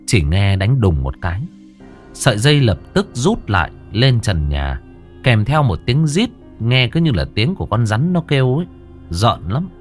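A man narrating a horror story in a lively, dramatic way. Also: medium pitch, moderate pace, faint music behind.

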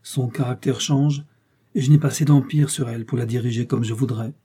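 Man reading as a brave humble young woman, pleading, earnest, dark husky voice, storybook. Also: mid-range voice, steady tone, fairly quick, natural voice. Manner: pleading, emotional.

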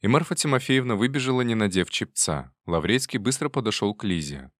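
A man reading literary fiction aloud as an audiobook narrator, measured and even. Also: on the low side, no echo, studio quality. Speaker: audiobook reader.

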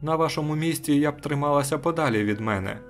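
List: man doing a resigned young woman, quiet flat delivery, raised voice, faint music behind. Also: a little high, quick pace, pitched above the performer's own voice, lightly acted. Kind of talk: audiobook character reading.

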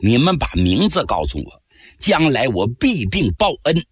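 A man voicing a cunning captured general who pleads and bargains in a low, wheedling voice, in traditional storytelling. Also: very animated, normal speed, breathy edge, no echo, clean studio sound. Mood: bargaining. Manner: low, wheedling, slyly persuasive. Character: captured male enemy general, cunning, pleading then menacing.

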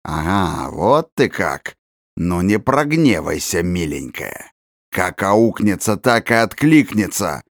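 A rough, very deep forest villain. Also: male voice, no room sound, studio quality. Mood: furious. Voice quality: rough, hoarse voice. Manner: gloating, threatening, drawn-out. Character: coarse menacing male forest tramp villain. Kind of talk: audiobook character voicing.

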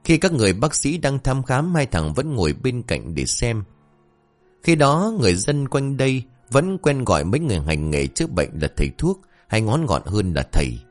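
A man narrating a comic folk tale in an animated, expressive way. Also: medium pitch, moderate pace, faint music behind. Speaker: storyteller.

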